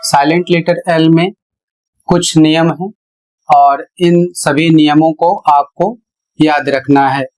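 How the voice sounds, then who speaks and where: A male teacher walks through an English pronunciation lesson at a very unhurried pace. He spells each word out letter by letter before saying it, then explains the rule patiently. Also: a little high, steady tone, a little mellow.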